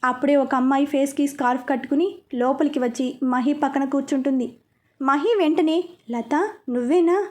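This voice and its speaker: A woman narrating a serialized story in a steady, even storytelling manner. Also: high voice, fairly quick.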